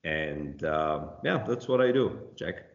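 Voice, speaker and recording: Deep voiced guy in his 40s, slovak born, lots of ums, kinda muffled and echoey. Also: animated, slow pace. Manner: hesitant, many fillers and restarts. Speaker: compliance consultant, guest. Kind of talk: casual interview talk. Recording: muffled, roomy remote audio.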